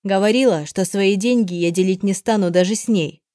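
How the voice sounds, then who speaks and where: A woman's voice: mid-range voice, brisk, warm tone, dry recording, studio quality, lightly acted. A woman voicing a cold, mocking, middle-aged mother who sneers at her daughter in an audiobook. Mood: sneering. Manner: sneering, sarcastic.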